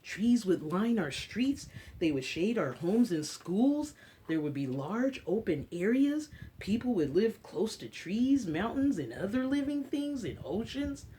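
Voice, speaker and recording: An American woman reads aloud and talks during a children's story time, addressing her audience like a teacher with short, simple lines and questions. Her voice is medium in pitch, sing-song, and dark, and she goes a little slowly. There is slight background noise.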